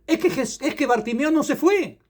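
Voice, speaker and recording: A male evangelist with a fairly high voice delivers a passionate sermon. He drops hallelujahs between his phrases as he preaches. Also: expressive, moderate pace, a little mellow. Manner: fervent preaching with interjected hallelujahs.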